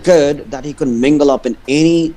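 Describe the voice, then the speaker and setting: Chatting casually as a guest on a livestream, an Indian man with a fairly high, warm voice talks at a moderate pace. His English carries an Indian accent, his first language is Punjabi, and he stammers, repeatedly restarting what he says.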